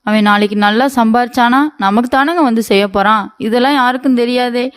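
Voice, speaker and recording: A woman's voice: a little high, fairly even intonation, a little fast, smooth, natural voice. A woman voicing a sulky, demanding young wife in a cartoon comedy, pleading and whiny.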